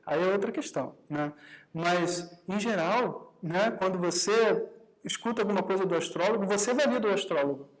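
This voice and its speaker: The recording is rough, and the man's voice is high-pitched, moving at a moderate pace. He's a Brazilian meditation teacher leading a live workshop, relaxed and conversational, regularly adding tag questions to check on his audience and occasionally acting out short quoted exchanges in his own voice.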